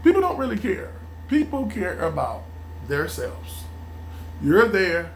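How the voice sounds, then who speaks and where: A man, talking in a casual monologue, animated, acting out his friends' voices. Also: high voice, unhurried, creaky, slight background noise. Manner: animated, acts out friends' voices, laughs often. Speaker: vlogger.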